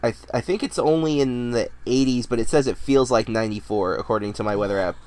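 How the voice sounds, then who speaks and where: Fast-talking and mid-range in pitch, a man from the United States in roughly his thirties co-hosts a laid-back movie podcast. A head cold leaves him a bit nasal, and he rambles comfortably, stumbling through fillers and restarts.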